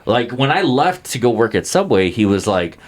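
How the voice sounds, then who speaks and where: A man's voice: medium pitch, big pitch swings, normal speed. A young man co-hosting a podcast, telling a story casually with lots of laughter and acted-out quotes. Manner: laughs a lot, acts out quotes in voices. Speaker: podcast co-host.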